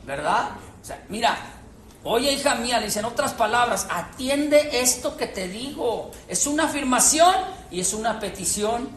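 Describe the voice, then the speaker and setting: A woman teaching a Bible class to a group, animated and quizzing her listeners. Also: on the high side, normal speed, a little hiss or hum. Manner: animated, questions the audience, acts out quotes. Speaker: church teacher. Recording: echoey room with faint ambience.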